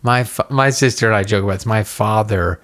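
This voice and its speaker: Low-voiced man rambling on a podcast. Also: a bit bright. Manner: rambling, self-interrupting, quick laughs. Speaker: podcast co-host. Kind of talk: casual chat. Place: home room with window.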